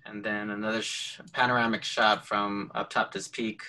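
Guest, male, bright tone, halting and modest, webcam mic at home. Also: lowish voice, level tone, low-quality recording. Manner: hesitant, full of fillers and restarts, laughs lightly. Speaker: photographer guest. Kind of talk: casual video call chat.

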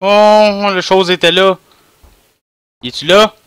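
Panicky young Québécois gamer, fairly high-pitched. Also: male voice, steady tone, slow, fairly bright tone, smooth. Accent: Quebec French. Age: young adult. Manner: jumpy, panicky gamer, cursing and exclaiming. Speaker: gamer playing a horror game. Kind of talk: casual game commentary.

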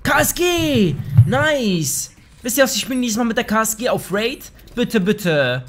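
High-voiced, excitable young gamer guy. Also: measured pace. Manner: excitable, swearing, often annoyed; slangy, says "Alter" a lot. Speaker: let's play gamer. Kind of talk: live gameplay commentary. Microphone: gaming microphone.

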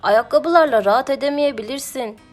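A woman voicing a patient, sensible male farmer who reasons calmly with a tired edge, in a children's audiobook. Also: high voice, fairly quick, faint music behind, voice pushed up, close to an everyday voice. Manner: calm, mildly tired reasoning.

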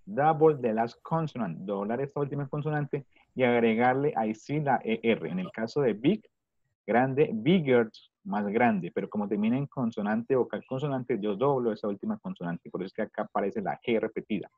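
A man's voice: mid-range voice, lively intonation, normal speed, dry recording, narrow, tinny audio. A man teaching an online English class to children in Spanish, patiently repeating his questions. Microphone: video call.

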